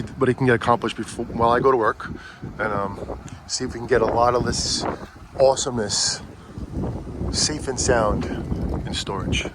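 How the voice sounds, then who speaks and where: A man's voice: mid-range voice, noisy background. A middle-aged man vlogging casually while loading and driving a truck, rambling with many restarts and fillers, filmed on a phone. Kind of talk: casual vlog talk. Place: in and around a truck.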